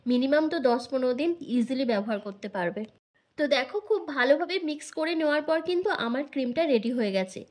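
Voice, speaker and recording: A hoarse woman with a Bengali accent from India, giving a skincare tutorial to her viewers as a vlogger. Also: high-pitched, darkish tone. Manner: brisk, instructive, addresses viewers directly. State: hoarse from illness. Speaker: beauty vlogger.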